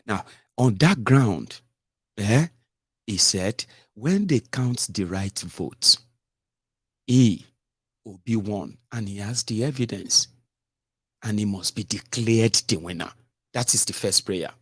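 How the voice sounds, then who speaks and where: Man, slow deliberate commentator, lowish voice, dry close sound. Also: expressive, husky, dry recording. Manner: explains slowly with rhetorical tag questions. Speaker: political commentator. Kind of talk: live-stream political commentary.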